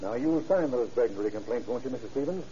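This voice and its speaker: Radio crime serial: man playing American police chief, businesslike interrogator, deeply mellow tone, dull noisy vintage sound. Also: animated, fast talker, lightly acted. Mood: firm, official. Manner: authoritative, methodical questioning. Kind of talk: old-time radio crime drama acting. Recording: muffled, noisy old radio recording.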